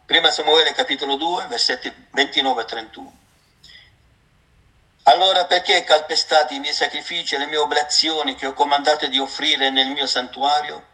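A man preaching a sermon, reading scripture and addressing his listeners as brothers, with impassioned swings between raised exclamations and quiet asides. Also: a little high, fairly even intonation, moderate pace, low-quality recording.

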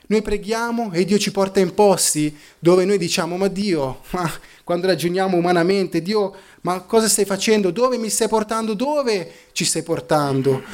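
A man preaching a sermon, telling a story and reading scripture aloud, slowing down and dropping low for emphasis. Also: darkish tone.

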